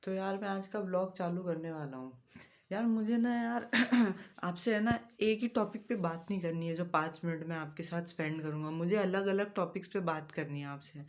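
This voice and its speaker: Soft-spoken young man vlogging. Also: high voice. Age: young adult. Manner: soft-spoken, rambling, with frequent fillers. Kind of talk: casual vlog talk to camera.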